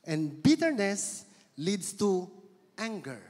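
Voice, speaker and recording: Male preacher, Filipino accent, drawn-out emphatic words, sermon, long church hall reverb. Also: high-pitched, very animated, darkish tone. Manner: mixes Tagalog and English, drawn-out emphatic words.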